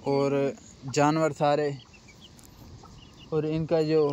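A man's voice: fairly high pitch, level tone, extremely slow, a little mellow, a little hiss or hum. A young man from Pakistan vlogging a casual walking tour of a cattle farm, guiding viewers and asking the workers questions. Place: outdoor rural cattle farm.

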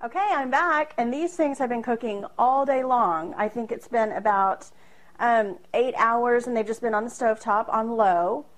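In a small home kitchen, a woman in her thirties with a fairly high voice gives a relaxed cooking demonstration at normal speed. She chats away, teasing herself with frequent fillers and laughs, as a camera across the room records the home cooking video.

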